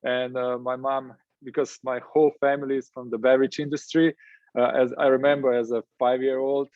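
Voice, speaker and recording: A man in his thirties from Slovenia, introducing himself as a guest in an informal, relaxed way. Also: medium pitch, a little fast, no echo. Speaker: guest investor. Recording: dull dry call audio.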